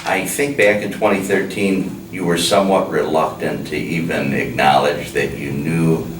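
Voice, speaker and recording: A man's voice: a bass voice, fairly even intonation, moderate pace. A man hosting a conversational interview, putting questions in a careful, deferential, hesitant way. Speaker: show host. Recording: roomy, distant mic with clear background noise.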